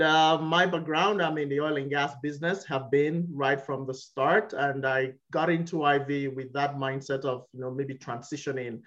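A man from Nigeria introducing himself as an alumnus on a webinar panel, friendly and slightly halting. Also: medium pitch, a bit bright. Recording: muffled webinar audio.

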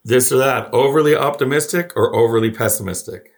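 A man's voice: mid-range voice, brisk. A man in his forties hosting a podcast, chatting casually with friends, laughing and restarting his sentences. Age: 40s. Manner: warm, laughing, hesitant restarts. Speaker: podcast host. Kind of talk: casual chat.

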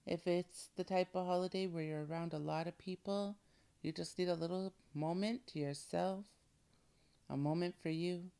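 A woman hosting guided breathing in a soothing, intimate coaching manner, her soft voice often dropping toward a breathy near-whisper. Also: lowish voice. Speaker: host of a wellness show. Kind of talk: guided breathing and relaxation talk.

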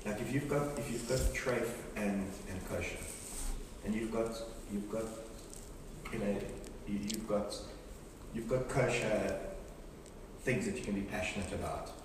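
A lower-voiced man speaks up from a study group, circling and restarting as he tries to put his question together. He sits well away from the microphone in a strongly echoing room, and noise is clearly audible behind him. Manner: halting, restarts often while working out a thought. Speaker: student in a study class. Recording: distant, echoey room with background noise.

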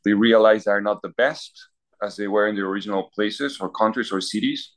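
A Peruvian man with a fairly low, brisk voice answers interview questions as a university chaplain priest. He is thoughtful, lists examples as he goes, and clears his throat.

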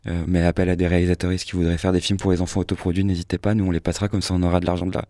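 A man's voice: sits low, very fast, no room sound, clean studio sound. A man who programs a film festival, a guest on a live radio show, talking casually with lots of fillers and restarts. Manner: hesitant, many fillers and restarts, relaxed. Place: radio studio.

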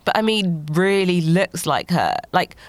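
A flustered, defensive sister. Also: female voice, lowish voice, animated, a little slow, no echo. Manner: defensive, flustered, sharp-tongued. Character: queer woman planning a baby, flustered, defensive. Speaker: actor. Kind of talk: audio drama acting.

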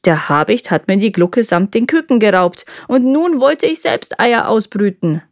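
A woman's voice: mid-range voice, lively intonation, moderate pace, dry recording, clean studio sound, natural voice. A woman voicing a lazy, greedy peasant husband who whines and pleads in a storybook reading. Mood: sly. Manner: whining, pleading.

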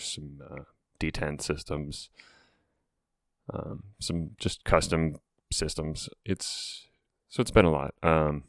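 Very deep-voiced man, flat and halting. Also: dry recording, clean studio sound. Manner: halting, meandering delivery. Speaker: tabletop game player. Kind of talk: casual character introduction.

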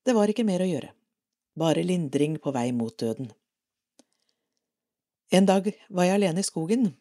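A Norwegian woman reading a devotional article aloud for an audio edition of a parish magazine, calm and measured. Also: lowish voice.

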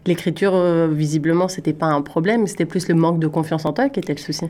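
Female host, lowish pitch, conversational, affirming reflections on the guest's answers. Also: fast, mellow. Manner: affirming, sums up what the guest says. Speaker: interview host. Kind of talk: conversational interview.

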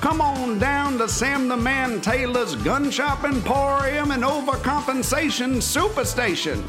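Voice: sits high, unhurried, music in the background. A performer playing a brash, shameless male gun-shop owner hard-selling in a parody local radio commercial. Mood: brash, salesy.

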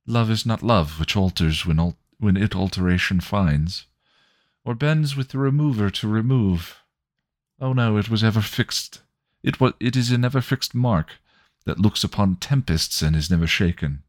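A man voicing a gentle, romantic male poet who recites verse slowly and lyrically. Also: lowish voice, no echo, studio quality, pitched above the performer's own voice, natural voice. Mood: tender. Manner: slow, lilting recitation of verse.

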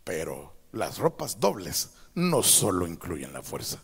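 A man preaching a sermon as a pastor, switching between quiet teaching and loud, drawn-out proclamations. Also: low-pitched, wildly swooping pitch, vocal fry, breathy edge. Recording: long hall reverb.

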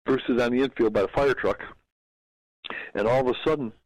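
A former race car driver, a man, telling racing stories in a relaxed, anecdotal way as a guest on a talk show. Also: mid-range voice, a little fast, no echo, poor audio. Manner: relaxed anecdotal storyteller who acts out dialogue. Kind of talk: casual interview storytelling.

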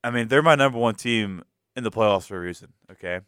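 A man's voice: fairly low pitch, fast talker, a bit bright, smooth, dry recording. A young man from the American South co-hosting a college radio sports show, joking and emphatic as he makes his picks in a studio. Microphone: studio microphone.

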